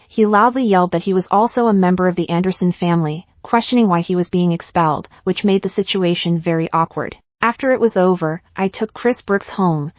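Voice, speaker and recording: A woman narrating a first-person drama story in a steady, even reading voice. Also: fairly low pitch, no room sound, dull audio.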